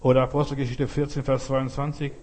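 A man's voice: mid-range voice, level tone, fast talker, darkish tone. A man preaching a sermon, talking straight to his listener in short, emphatic, repeated phrases. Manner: earnest, direct address to listener.

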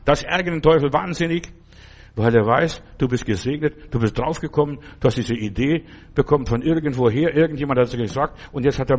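A man preaching an informal sermon in a fairly high voice. He repeats his declarations over and over, jumping from loud, emphatic outbursts to quiet, confiding asides. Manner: repetitive, proclaiming, swings between loud outbursts and quiet asides.

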